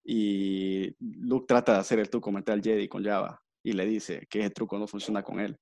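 A man's voice: fairly low pitch, little pitch movement, moderate pace, creaky, a little mellow, dry recording. A man, co-hosting a podcast and retelling a film plot casually, acting out quoted lines and laughing often. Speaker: podcast co-host.

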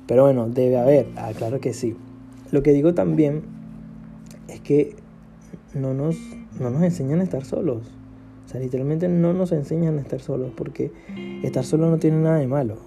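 A young man hosting an unscripted personal podcast, talking candidly and ramblingly about feeling low, with self-deprecating laughs. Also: dark tone. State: low spirits. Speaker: podcast host.

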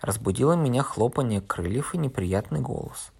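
A man's voice: medium pitch, lively intonation, normal speed, gravelly, husky. A man narrating an audiobook in the first person, telling the story steadily. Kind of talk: audiobook reading.

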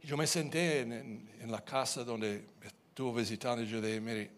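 A man preaching, telling his own testimony as a story, animated and repeating words as he goes. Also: mid-range voice, moderate pace.

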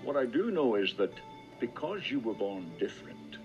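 A man plays a theatrical older sword master with a Scottish accent and a lively, swooping delivery. He lectures his pupil in a lofty, commanding tone. Film music sits clearly behind him. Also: medium pitch, normal speed, highs cut off, natural voice. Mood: solemn. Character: older male sword mentor, grand and theatrical.

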